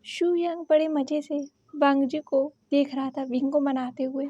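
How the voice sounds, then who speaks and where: A woman narrating a fan-fiction story in a steady, unhurried way. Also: sits high, dry recording, highs cut off.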